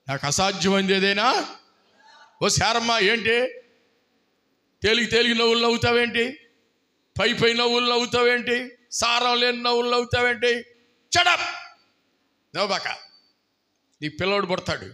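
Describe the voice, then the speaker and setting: A male pastor delivers a fiery sermon in a high, bright, ringing voice. He breaks into shouts at the peaks and acts out the people in his stories. The tone stays forceful throughout. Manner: fiery preaching, shouting out bursts and acting out voices. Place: church hall.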